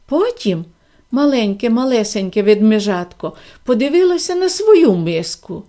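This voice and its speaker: A woman reading a fairy tale aloud in a gentle, expressive storytelling manner. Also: a little high, normal speed. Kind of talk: scripted fairy-tale narration.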